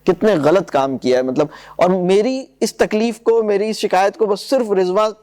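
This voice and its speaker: A man giving a lecture on poetry, explaining with eager animation and slowing down to recite verses. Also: sits high, darkish tone.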